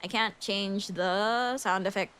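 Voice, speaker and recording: The voice is mid-range, slightly bright, clear and resonant, and she takes things slowly. A young adult Filipina streamer, she speaks Filipino-accented English, chatting casually and giggling while thinking aloud on a game livestream.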